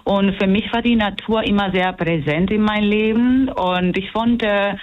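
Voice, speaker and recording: A woman from Puerto Rico, a musician appearing as a guest on a radio interview, speaks at a measured pace in a mid-range voice. She sounds hesitant and keeps searching for words. The audio is muffled and lo-fi.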